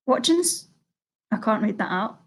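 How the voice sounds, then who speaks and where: A Salford woman runs a quiz livestream from her house, her slightly high voice husky with lively intonation. She keeps the chatter relaxed between rounds, then reads every question slowly and says it again for the players.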